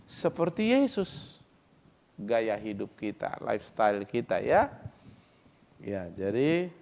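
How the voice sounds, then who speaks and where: A man preaching a sermon as pastor, lively, acting out voices of others. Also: on the low side. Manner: lively preaching, acts out foreigners' voices and laughs.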